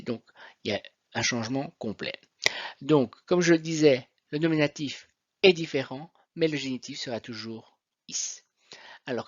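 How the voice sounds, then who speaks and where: A male teacher explaining grammar slowly and patiently, leading the listener through one example after another. His voice sits at an ordinary middle pitch. The recording is somewhat muffled and completely dry. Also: no room sound. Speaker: Latin teacher.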